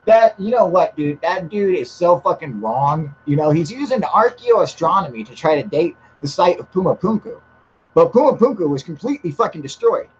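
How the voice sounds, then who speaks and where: A man's voice: fairly high pitch, moderate pace. A man hosting a casual live stream about UFOs, swearing freely and laughing often, reading viewer chat. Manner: profane, excitable, laughs often. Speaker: host of a live UFO stream. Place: outdoors in humid air. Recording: slightly dull with faint hiss.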